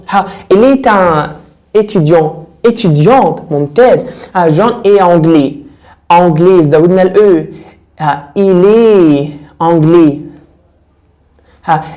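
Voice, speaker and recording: A young man with an Egyptian Arabic accent teaching French grammar in a casual, lively way. He keeps repeating words and putting questions to his students. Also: high-pitched. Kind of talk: casual classroom lesson.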